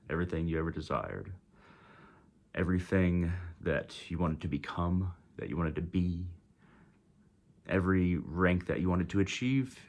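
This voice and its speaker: A man with a Texas accent casually retelling a story, rambling with many ums and self-corrections. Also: sits low. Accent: Texan.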